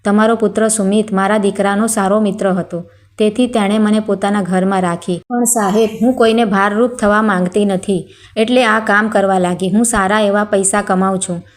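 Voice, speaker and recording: A woman voicing a caring, widowed older housekeeper who speaks softly and reassuringly in a storybook tale. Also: mid-range voice, fairly even intonation, moderate pace, close to an everyday voice. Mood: sad.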